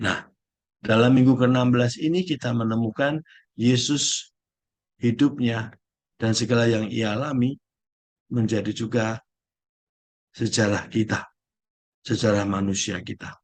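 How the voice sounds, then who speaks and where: A middle-aged man, a Jesuit priest, giving a slow, gentle spiritual reflection with searching pauses. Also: medium pitch, steady tone.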